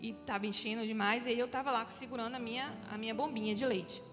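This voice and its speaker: A woman giving a personal testimony in church, telling her story in an animated way and acting out the dialogue. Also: fairly high pitch, fast. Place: church hall. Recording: long hall reverb with faint music.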